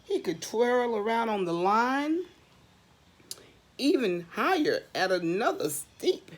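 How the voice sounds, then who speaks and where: In a slightly high, sing-song voice, a middle-aged woman reads slowly aloud to young children like a teacher at storytime. She expressively raises questions and answers them, stretching and repeating words to stress them.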